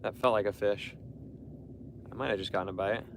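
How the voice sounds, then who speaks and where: A man's voice: lowish voice, fairly even intonation, fairly quick, vocal fry, a bit bright, slight background noise. A young man chatting casually to his live stream viewers while fishing from a boat on a lake, rambling and repeating himself. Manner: rambling, repeats words, talks to chat.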